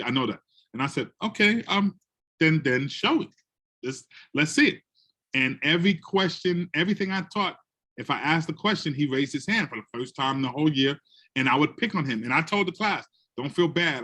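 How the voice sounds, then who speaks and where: Animated New man telling stories. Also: a little high. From the Bronx, New York. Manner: animated, acts out quotes in other voices. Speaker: educator and guest speaker. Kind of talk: storytelling in a conversation.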